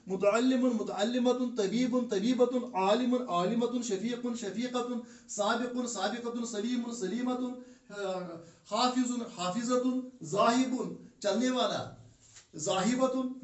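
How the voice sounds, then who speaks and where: A man with a Kashmiri accent teaching Arabic grammar in a classroom lesson, drilling word pairs slowly with fillers. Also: high-pitched. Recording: echoey room, from far off.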